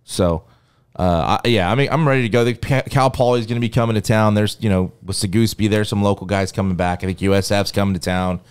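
A man co-hosting a casual sports podcast, telling stories with excitement, swearing and laughing at himself. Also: on the low side, fast, smooth. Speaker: podcast co-host.

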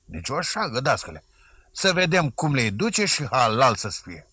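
A man voicing a peasant firewood seller who answers in a calm, matter-of-fact way. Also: mid-range voice, breathy edge, dry recording, full character voice. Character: plain-spoken peasant man selling firewood.

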